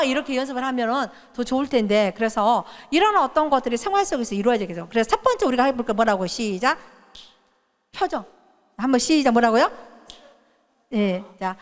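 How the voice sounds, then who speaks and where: Animated middle-aged woman leading a workshop. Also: fairly high pitch. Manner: animated, acts out quoted voices and coaches the audience. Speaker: workshop speaker. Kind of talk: lively audience workshop talk. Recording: reverberant hall.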